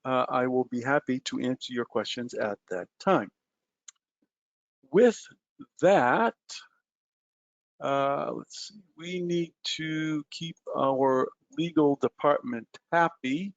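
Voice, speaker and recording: Animated yet slow, a man with a medium-pitched voice presents a live trading webinar, chatting with his audience and filling pauses with "uh" and "um". There's no echo, though the audio sounds dull.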